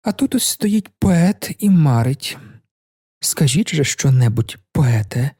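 A proud, cold young woman speaks with cool, impatient mockery, as a male reader puts her on. The voice sits higher than a man's usual, still gravelly and husky underneath. It is a storybook reading. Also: big pitch swings, slow, warm tone, no echo, clean studio sound, heavily acted. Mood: mocking.

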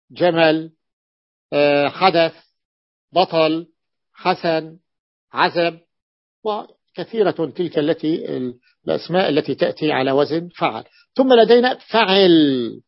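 A man teaching Arabic grammar in a classroom lecture, repeating each point patiently and checking that students follow. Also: on the high side. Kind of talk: classroom lecture explaining a text. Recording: dull lo-fi recording.

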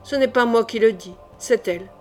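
A conspiratorial Florentine adviser, voiced by a woman reader, murmuring low and insistent warnings. The tone stays quiet and pressing. It is an audiobook reading. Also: moderate pace, soft background music, lightly acted. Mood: hushed.

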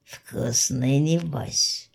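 A woman doing a low, gravelly werewolf. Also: drawn-out words, exaggerated voice. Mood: wheedling. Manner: low growling, sheepish mutter. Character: awkward male werewolf, gruff but timid. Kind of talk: audiobook character voice.

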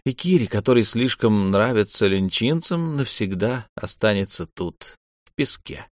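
A man narrating a story as an audiobook reader, steady and measured. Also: on the low side, no echo, clean studio sound. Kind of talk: scripted narration.

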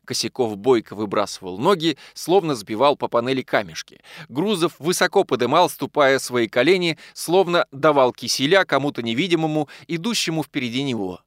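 A man narrating an audiobook with expressive storytelling. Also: mid-range voice, a little fast, hardly any pauses, dry recording, clean studio sound. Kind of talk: scripted narration.

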